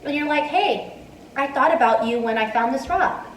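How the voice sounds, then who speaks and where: A woman's voice: sits high, lively intonation, moderate pace, fairly bright tone, reverberant, far from the mic, a little hiss or hum, rough recording. A woman in her twenties answering viewer questions between bites, casual and chatty. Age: 20s. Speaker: mukbang vlogger. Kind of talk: casual Q&A while eating. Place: dining room indoors. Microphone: earphone mic, phone in hand.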